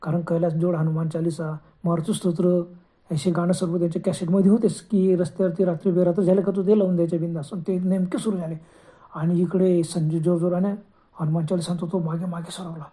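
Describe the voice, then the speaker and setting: A man's voice: high voice, flat delivery, fast talker, dark tone. A man telling a horror story in a dramatic way, full of gasping exclamations.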